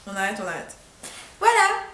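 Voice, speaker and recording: A young woman chatting casually in a haul video, giggly and chatty, dropping into soft asides. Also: mid-range voice, huge pitch swings, normal speed, slight background noise. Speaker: beauty vlogger. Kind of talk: casual haul vlog chat. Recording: echoey room.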